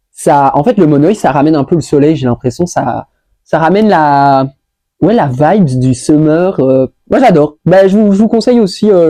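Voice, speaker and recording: A woman's voice: deep voice, warm tone, no room sound. A woman vlogger chatting casually through a monthly roundup, scattered and full of fillers, dropping English words as she goes. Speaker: lifestyle vlogger. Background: faint music playing.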